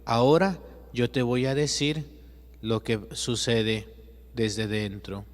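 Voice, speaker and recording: Guy doing a soft, patient wise teacher, slow and even, long echo. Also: mid-range voice, lightly acted. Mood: calm. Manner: soft, measured, explaining. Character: calm, patient divine teacher, gentle and wise. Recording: long echoey reverb.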